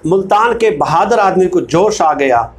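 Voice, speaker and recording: With lively intonation and a slightly slow delivery, this high-voiced man hosts a casual political commentary video. He has a Pakistani accent, reads passages from books, and repeats phrases emphatically for weight.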